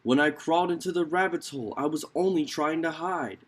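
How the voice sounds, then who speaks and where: A man plays an aggrieved storybook python. The snake is male and slightly high in pitch, complaining suspiciously and making excuses. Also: fairly quick, natural voice.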